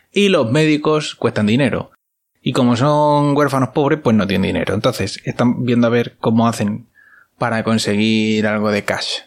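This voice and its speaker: A man with a Spain Spanish accent, chattily recapping a series episode with crude slang and asides. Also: medium pitch. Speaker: series reviewer.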